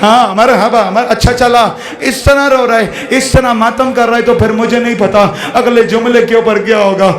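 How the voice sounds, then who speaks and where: Man, Punjabi accent, very high voice, emotional wailing recitation, echoey hall. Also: steady tone, normal speed, hardly any pauses. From Pakistan. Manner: emotional, calls out to the crowd, wailing cries. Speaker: zakir reciting at a majlis. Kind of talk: impassioned mourning recitation. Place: mourning gathering.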